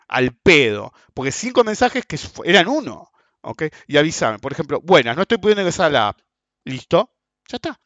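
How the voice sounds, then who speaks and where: A man in his forties with a Rioplatense Spanish accent delivers a blunt, crude, casual monologue about markets, repeatedly asking "ok?". His voice is on the high side and a bit bright. The lo-fi recording sounds dull and dry, with no echo.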